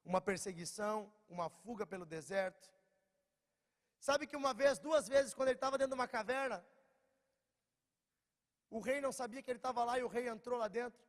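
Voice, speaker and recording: High-voiced Brazilian preacher in a hall. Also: male voice. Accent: Brazilian Portuguese. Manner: storytelling, swings between loud bursts and quiet low lines. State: slightly hoarse, has a cold. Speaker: preacher at a youth meeting. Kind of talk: sermon. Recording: long church-hall reverb.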